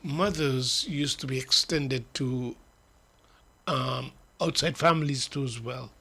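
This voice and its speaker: A man hosting a radio talk show, speaking in a reflective, measured way. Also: mid-range voice, vocal fry, sharp tone, breathy edge.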